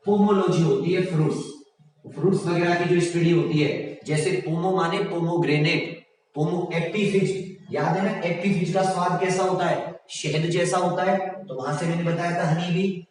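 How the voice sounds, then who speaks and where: A man teaching a general science class online, reading out quiz options slowly and praising his students often. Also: sits high, steady tone, darkish tone, very echoey, in a large hall, distant mic, low-quality recording.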